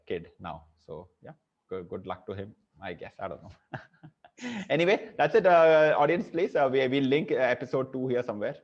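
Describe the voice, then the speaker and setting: A man with an Indian accent co-hosting a casual podcast, rambling and hesitant with many fillers. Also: lowish voice. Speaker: podcast co-host. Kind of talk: casual chat. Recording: dull lo-fi audio.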